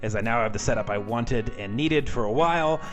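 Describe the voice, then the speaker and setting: A man's voice: medium pitch, a little fast, fairly bright tone, soft background music. A man hosting a podcast in a casual, chatty way, informal and wry, often poking fun at himself, on a homemade recording. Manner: informal, self-deprecating, wry. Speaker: podcast host. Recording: amateur home podcast audio.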